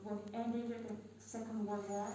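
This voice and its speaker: A woman from Ecuador speaks slowly and thoughtfully, pausing to find her words. Her tone is mellow and dark. She is picked up from a distance in a very echoey room. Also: mid-range voice, flat delivery, a little hiss or hum. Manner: slow, searching for words. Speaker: audience member.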